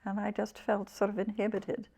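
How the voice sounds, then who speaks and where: A woman in her eighties from England, a poet talking haltingly about her life and reading her own poems in an interview. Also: mid-range voice, completely flat delivery, creaky, warm tone, breathy edge. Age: 80s. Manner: halting, restarts often, vivid when reading. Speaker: poet guest.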